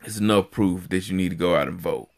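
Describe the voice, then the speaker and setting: Lively man on a podcast. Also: low-pitched, quick pace, vocal fry. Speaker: podcast co-host. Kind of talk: casual chat.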